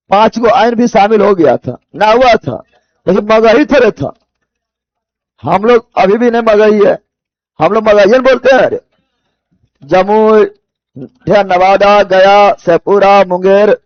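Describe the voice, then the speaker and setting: A high-voiced man from Bihar, speaking with a Bihari accent, teaches a general knowledge coaching class for competitive exams. In this live lecture he drills by repetition, restating key phrases and asking students rhetorical check questions. The recording is muffled, with no echo.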